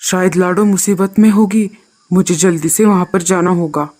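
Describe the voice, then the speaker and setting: A man's voice: high voice, steady tone, moderate pace, a little mellow. A man voicing a kind male crow in a cartoon, speaking with urgency and care. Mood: concerned. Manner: urgent, caring. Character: kind male crow, helpful uncle to the chick.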